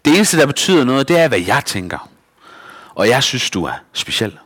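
A man voicing a big, bearded, kindly woodcarver with a deep, strong voice and a gentle, thoughtful manner. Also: sing-song, in a large hall. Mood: reassuring.

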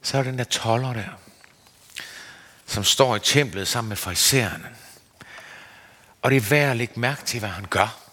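A man giving an earnest, searching sermon as a preacher, his pitch rising and falling. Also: pauses often, sharp tone, husky. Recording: long hall reverb.

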